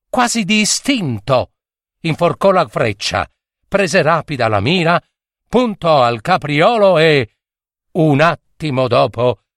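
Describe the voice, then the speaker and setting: A man telling a myth in a theatrical, lively way, with sudden high cries and comic asides. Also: no echo, studio quality. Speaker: storyteller. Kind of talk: dramatic storytelling of a myth.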